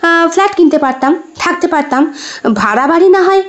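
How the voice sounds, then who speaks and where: A woman voicing a lively, quick-witted young wife in an audio story. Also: very high voice, highs cut off, voice pushed up.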